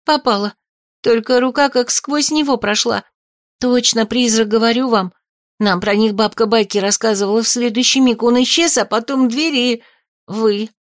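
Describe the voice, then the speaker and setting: Scared jittery young girl done by a woman reader, rushes her words, lightish voice. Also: fairly high pitch, fairly even intonation, no room sound, studio quality, close to an everyday voice. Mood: frightened. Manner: trembling, rushed telling. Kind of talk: audiobook character voice.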